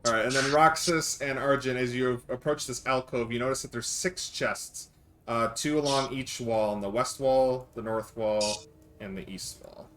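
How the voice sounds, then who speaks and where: A man's voice: mid-range voice, normal speed, a bit bright, slight background noise. A man acting as game master, narrating a tabletop game casually and often thinking aloud with some hesitation.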